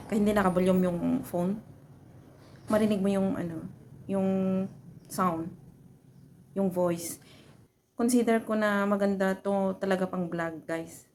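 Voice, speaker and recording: A woman from the Philippines, working overseas, reviewing a clip-on mic in a casual vlog. She talks softly on purpose, chatting in mixed Tagalog and English with lots of fillers. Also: slight background noise. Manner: soft-spoken, deliberately keeps voice low; chatty Taglish with many fillers. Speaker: overseas worker vlogger. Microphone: phone with clip-on lavalier mic.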